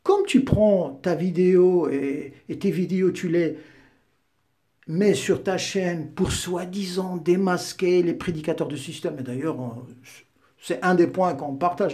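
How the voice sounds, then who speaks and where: A man in his fifties hurls taunts and insults in a heated rant. His voice sits high, yet its colour stays dark and mellow. He mocks as much as he argues. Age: 50s. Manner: insulting, mocking, combative. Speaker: YouTuber answering a critic.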